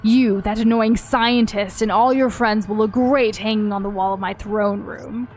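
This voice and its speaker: A woman voicing a gloating, mocking ghost king villain from a video game, with slow theatrical menace. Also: mid-range voice, steady tone, faint music behind, lightly acted. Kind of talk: reading game dialogue aloud in character.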